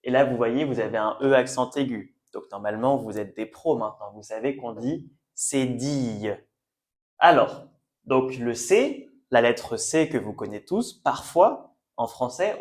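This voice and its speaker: A man teaching a French pronunciation lesson, slowly repeating each word for learners. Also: medium pitch. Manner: slow, careful, repeats words for learners. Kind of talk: language lesson at a whiteboard.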